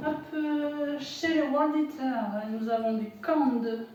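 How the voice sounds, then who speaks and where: A shop owner unboxes products in casual, hesitant commentary, with many fillers and self-corrections. Her voice is high-pitched, slow and darkish in tone. The lo-fi recording has soft background music and an echoey room, with her voice far from the mic.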